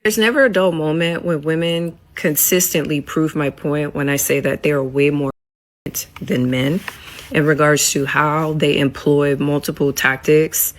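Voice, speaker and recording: A woman giving argumentative social media commentary in a deliberate way, posing rhetorical questions. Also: sits low, fairly even intonation. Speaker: business owner.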